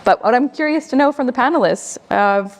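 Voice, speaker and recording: A woman's voice: fairly high pitch, lively intonation, fairly quick. A woman with a Canadian accent moderating a conference panel, upbeat and joking at her own expense. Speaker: panel facilitator. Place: conference hall. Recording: long hall reverb.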